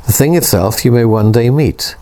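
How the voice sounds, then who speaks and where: A man voicing a calm male poet who talks earnestly and reassuringly in a storybook reading. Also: mid-range voice, moderate pace, close to an everyday voice. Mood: persuasive. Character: calm, persuasive male poet, gently insistent.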